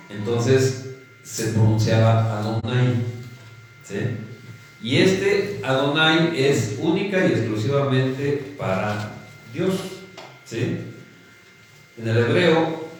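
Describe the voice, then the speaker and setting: Slow Mexican preacher in an echoey hall. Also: male voice, mid-range voice, a little hiss or hum. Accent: Mexican Spanish. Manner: keeps checking with listeners by asking "¿sí?"; calls the congregation "hermanitos". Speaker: pastor. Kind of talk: teaching sermon. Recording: echoey hall from a distant mic, faint ambience.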